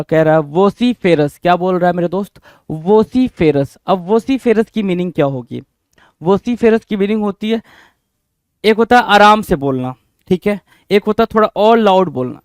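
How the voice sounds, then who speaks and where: High-voiced animated male vocabulary teacher. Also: clear, resonant tone, no room sound, clean studio sound. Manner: animated, repeats words with quiz-like questions. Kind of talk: Hinglish vocabulary lesson.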